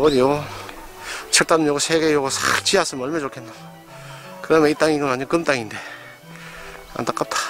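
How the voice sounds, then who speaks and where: A man speaking in a thick Gyeongsang dialect walks viewers around rural farmland on a casual property tour. His talk is chatty and folksy, and he keeps pointing things out as he goes. Music plays clearly behind his medium-pitched voice. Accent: Gyeongsang dialect Korean. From Gyeongsang region, South Korea. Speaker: real estate channel host. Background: background music.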